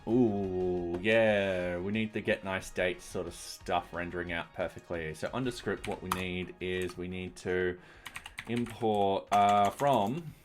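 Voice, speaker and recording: A man's voice: low-pitched, fairly even intonation, slow, soft background music. A man streaming himself writing code, talking casually through each step with dry, slightly sarcastic asides. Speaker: streamer and software developer. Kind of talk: live coding commentary.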